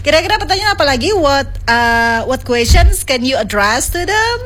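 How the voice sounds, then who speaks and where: A woman's voice: high voice, very animated, fairly quick, fairly bright tone, soft background music. A woman teaching an English conversation class, patiently coaxing her students and explaining step by step.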